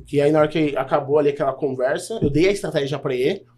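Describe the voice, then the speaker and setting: Fast-talking man telling a story. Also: a little high. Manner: animated, acts out dialogue while telling a story. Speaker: health insurance broker, podcast guest. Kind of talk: casual storytelling.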